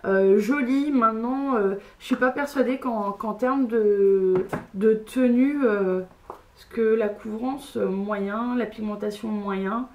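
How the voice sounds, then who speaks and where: A woman's voice: on the high side, slow, a little mellow, slight background noise. Chatty woman vlogger with many fillers. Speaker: beauty vlogger. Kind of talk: casual makeup haul unboxing.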